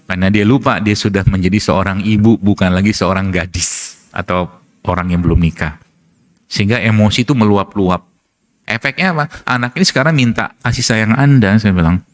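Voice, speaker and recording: A man's voice: on the low side, fairly quick. Chatty middle-aged male preacher telling stories. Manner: chatty storyteller, laughs often, asks rhetorical questions. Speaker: preacher and doctor. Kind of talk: casual religious talk with anecdotes.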